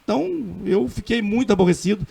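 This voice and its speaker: Fast and husky, with vocal fry and a warm tone, this high-sitting male voice belongs to a middle-aged councilman from Brazil. Speaking Minas Gerais Portuguese on the radio, he is earnest and emphatic and keeps restarting his sentences.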